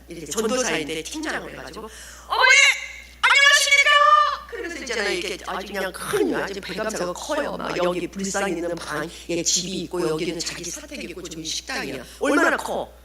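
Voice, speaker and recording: Animated woman evangelist telling a testimony. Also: mid-range voice. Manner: lively storytelling, acting out quotes. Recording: echoey hall with audience.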